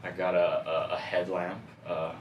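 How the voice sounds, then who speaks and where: A man's voice: sits low, level tone, normal speed. A man who is a DJ talking about his year as a guest on a podcast, in a laid-back, casual way full of slang. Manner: laid-back, loose slang-filled talk. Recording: roomy, distant mic, faint noise.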